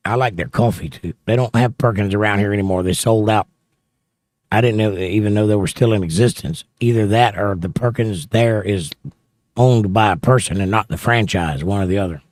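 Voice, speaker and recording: Here a livestream host reads his chat aloud and chats on about the comments, speaking fairly quickly in a fairly low, slightly mellow voice. The recording is dry, captured on a studio mic held close to his mouth.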